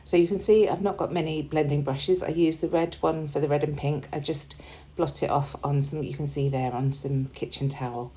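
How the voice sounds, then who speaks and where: Losing her voice and a bit hoarse, a low, mellow-voiced woman from the United Kingdom narrates her scrapbooking in a casual craft-channel voice-over. At a moderate pace with hardly any pauses, she stays relaxed and chatty, with many ums and small laughs.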